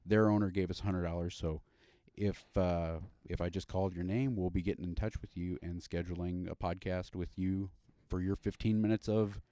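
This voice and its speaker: A man's voice: sits low, fairly even intonation, moderate pace, hardly any pauses, dark tone, no echo. A man hosting a casual podcast, rambling with fillers and restarts. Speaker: podcast host.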